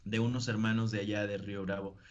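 A man's voice: lowish voice, little pitch movement, quick pace, muffled recording. A man with a northern Mexican accent, a preacher talking casually as an interview guest and laughing often.

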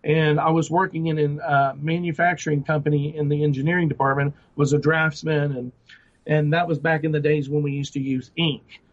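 An earnest middle-aged man recounts his life story in an interview, his voice sitting a little high for a man. He talks in a searching way, full of fillers and restarts. The recording sounds dull and lo-fi. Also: flat delivery, brisk. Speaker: guest ministry director. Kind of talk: personal testimony interview.

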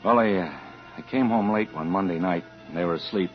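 A male actor with a low-pitched voice, lightly acted, plays a troubled, anxious married insurance investigator recounting his story in 1940s radio suspense style. His halting, hesitant confessional narration carries an uneasy mood. It's a muffled vintage radio recording with music.

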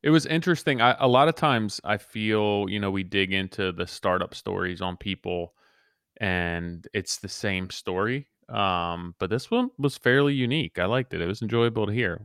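A male podcast co-host talking in a measured, thoughtful, easygoing way. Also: fairly low pitch, fairly bright tone, clear, resonant tone, no room sound, studio quality. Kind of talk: casual podcast conversation.

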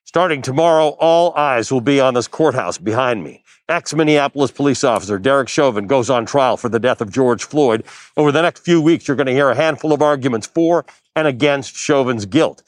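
A man's voice: mid-range voice, a little fast, no room sound, studio quality. A man hosting a news program, delivering pointed commentary and then interviewing a guest, with emphatic, persuasive delivery. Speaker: news host. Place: outdoors near a courthouse.

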